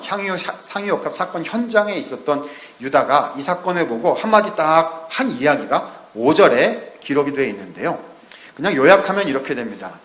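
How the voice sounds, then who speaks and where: A man preaching a sermon in a lively, conversational way, often asking the congregation questions. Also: fairly high pitch, reverberant. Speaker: pastor. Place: church sanctuary.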